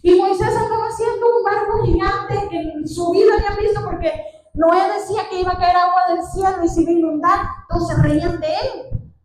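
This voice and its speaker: A woman with a high voice preaches a storytelling sermon, stopping often to ask her listeners questions. She sounds far from the microphone, in a church hall with heavy echo. Faint noise hangs under her voice. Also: fairly even intonation, a little fast, a little mellow. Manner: retells the story, asking the congregation questions. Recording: echoey hall, distant mic, faint noise.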